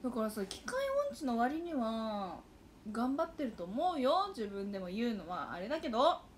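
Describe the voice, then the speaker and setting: A young woman in her twenties with a Hakata dialect accent hosts a livestream, chatting casually and animatedly with viewers and reading their comments. Her voice sits on the high side with a sing-song lilt at normal speed, over a faint hiss or hum.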